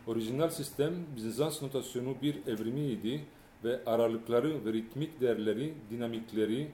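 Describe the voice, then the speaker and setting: Measured, halting male lecturer in a hall. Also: mid-range voice, dark tone, slight background noise. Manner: measured, halting with fillers and self-corrections. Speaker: lecturer on music history. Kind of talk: academic lecture, partly read aloud.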